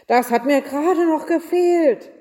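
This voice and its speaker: Woman reading aloud as a cranky innkeeper, storybook, barking in a high loud voice, long hall echo. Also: big pitch swings, a little slow. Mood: shouting. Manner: gruff, bellowing. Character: grumpy shouting male innkeeper.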